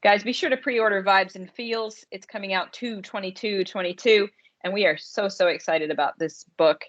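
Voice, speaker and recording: In a casual movie-review chat, a female podcast co-host speaks emphatically, often repeating words for stress. She has a mid-range voice and a moderate pace, captured on dull, lo-fi audio.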